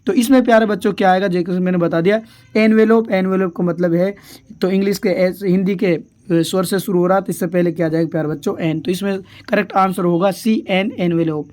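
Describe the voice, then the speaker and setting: A male teacher giving an exam revision lesson. He keeps putting questions to his pupils and answering them himself, calls them dear children, and reads English words out slowly. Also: high-pitched, steady tone, darkish tone.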